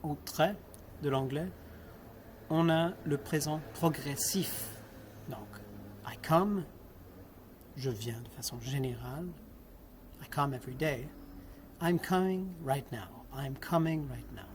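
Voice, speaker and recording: A man's voice: fairly high pitch, takes it slowly, long pauses, slight background noise. A man lecturing on linguistics, explaining step by step, asking the class questions and repeating example words.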